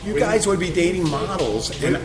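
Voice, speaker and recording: A man in his fifties hosting a casual chat, animated and joking as he rambles from one story to the next. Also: high-pitched, normal speed, over loud music. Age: 50s. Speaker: host. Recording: loud crowd chatter behind.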